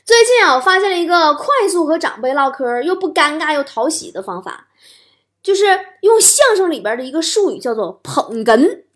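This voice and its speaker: A woman talk show host, doing an animated stand-up comedy monologue with playful punchlines. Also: high-pitched, background noise.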